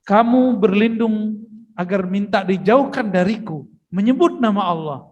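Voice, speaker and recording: Man, preacher, high voice, casual joking asides, long mosque reverb. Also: a little slow, a little mellow, dull audio. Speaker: preacher giving a mosque study session. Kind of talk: religious lecture with storytelling. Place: mosque hall.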